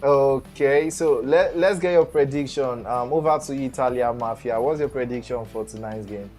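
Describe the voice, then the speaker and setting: A man hosting a live esports stream from Nigeria, interviewing team managers in an energetic way and often repeating words. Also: medium pitch, normal speed, soft background music. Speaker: host.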